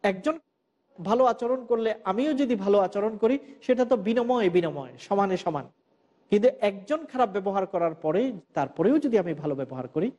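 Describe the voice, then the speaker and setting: Male preacher, middle-aged, high pitch and mellow tone, earnest sermon delivery. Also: lo-fi sound. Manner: earnest, preaching with rising emphasis on key points. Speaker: Islamic preacher.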